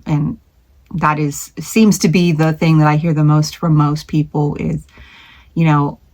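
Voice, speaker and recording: A woman's voice: sits low, steady tone, unhurried, a little mellow. A middle-aged woman running a small craft business, chatting casually in a vlog from her home studio, rambling with lots of fillers and restarts.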